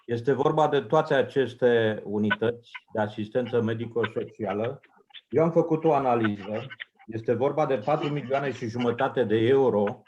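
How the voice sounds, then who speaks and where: A council member speaking up in a meeting, arguing earnestly with figures and pausing with fillers. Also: male voice, medium pitch, lo-fi sound, noisy background. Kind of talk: spoken intervention in a meeting. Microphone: remote microphone.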